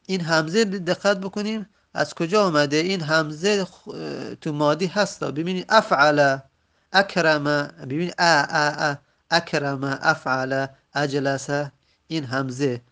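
A man whose first language is Persian, teaching an Arabic grammar lesson and slowly repeating each example word. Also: on the high side, fairly bright tone. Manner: slow, drawn-out repetition of example words.

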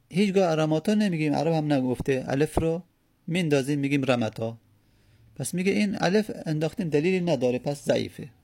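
A man's voice: mid-range voice, creaky, darkish tone, no room sound, clean studio sound. A man teaching an Arabic grammar lesson, explaining step by step, spelling out word forms and asking and answering his own questions.

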